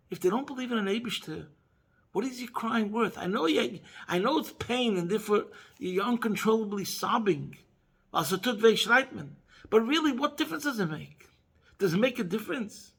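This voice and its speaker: High bright-voiced man teaching Torah. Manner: mixes Yiddish and Hebrew phrases into English; rises to emphatic high peaks. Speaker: rabbi teaching Chassidus. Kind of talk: Torah class.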